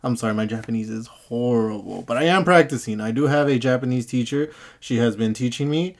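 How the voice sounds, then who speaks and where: Excitable man recapping manga, casual and slangy. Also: medium pitch, brisk. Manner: animated fan talk, slangy, acts out characters' lines. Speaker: manga review host.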